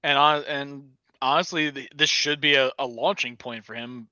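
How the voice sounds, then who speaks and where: Male panelist, sharp bright voice, dry close sound, dull lo-fi audio. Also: medium pitch, fairly even intonation, moderate pace, clear, resonant tone, no echo. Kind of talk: casual wrestling panel talk.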